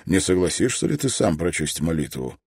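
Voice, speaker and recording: A man's voice: low voice, big pitch swings, brisk, gravelly, a little mellow, husky, no room sound, studio quality, exaggerated voice. A man reading an audiobook, voicing a genial, assured male merchant chief.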